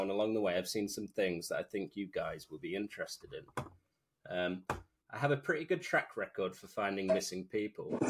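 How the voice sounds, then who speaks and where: A man's voice: fairly low pitch, husky. A British man co-hosting casually, talking in an informal, joking way. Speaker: podcast co-host. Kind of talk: casual chat with reading aloud.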